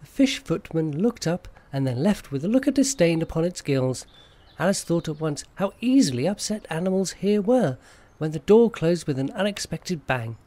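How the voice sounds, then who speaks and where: Narrator for scripted storybook audio: medium pitch, animated delivery. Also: moderate pace.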